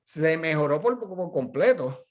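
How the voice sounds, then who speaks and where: A middle-aged physical therapist with a somewhat high voice and lively intonation talks at a measured pace in a laid-back journal club chat. He tells stories, explains clinical points, and keeps backing up to begin sentences again.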